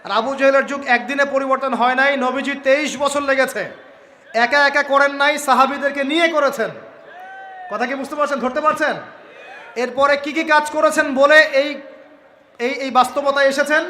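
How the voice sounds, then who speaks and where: A man's voice: extremely high pitch, sharp tone, slight background noise. A man preaching a sermon, exhorting a crowd with rhetorical questions. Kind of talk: Bengali waz sermon. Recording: echoey hall, faint ambience.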